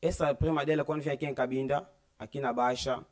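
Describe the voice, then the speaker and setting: A man's voice: mid-range voice, steady tone, quick pace. A young man with an Angolan Portuguese accent gives an earnest personal religious testimony, acting out the dialogue he quotes. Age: young adult. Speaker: church member giving testimony.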